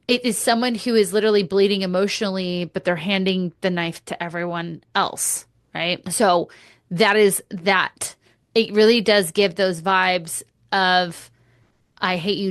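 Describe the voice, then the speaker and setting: A woman's voice: mid-range voice, a bit bright, no room sound, clean studio sound. Blunt, opinionated woman podcast host. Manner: blunt, opinionated, swears freely. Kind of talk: casual commentary.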